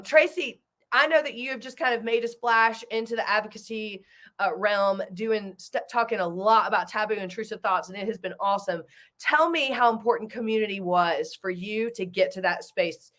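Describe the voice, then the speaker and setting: A woman's voice: mid-range voice, moderate pace, a bit bright. A woman from the southern United States, hosting a live online interview event in a casual style. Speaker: host of an online advocacy event.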